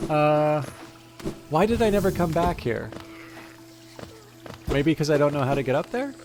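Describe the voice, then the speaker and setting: A man's voice: on the high side, lively intonation, a little slow, over music. A man streaming a game with casual live commentary, rambling and thinking aloud.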